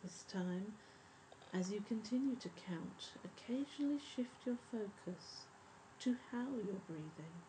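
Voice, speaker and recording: A woman leading a guided breathing meditation in a soft, soothing, measured spa voice that often trails toward a whisper. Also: mid-range voice, expressive, poor audio. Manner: measured, instructive. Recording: faint background noise and ambience.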